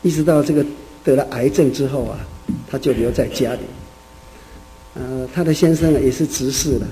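A man, a church elder, preaching by telling a folksy story with drawn-out, chatty phrasing. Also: mid-range voice, mellow, soft background music, low-quality recording. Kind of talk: sermon storytelling.

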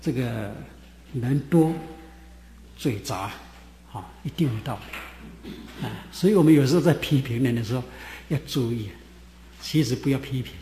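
Male preacher, mellow voice, folksy sermon with filler sounds, reverberant hall. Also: medium pitch, moderate pace, long pauses, slight background noise. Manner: folksy Bible teaching with many "ah" fillers. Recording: echoey hall with faint ambience.

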